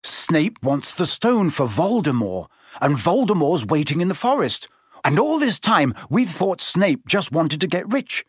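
A man's voice: mid-range voice, big pitch swings, normal speed, breathy edge, no room sound, clean studio sound. A man voicing an anxious young wizard boy who talks urgently and feverishly.

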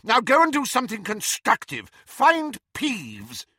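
A man voicing a stern, commanding older female professor in an audiobook, brisk and sharp in manner. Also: fairly high pitch, sing-song, dry recording, clean studio sound, voice pushed up, full character voice. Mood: exasperated.

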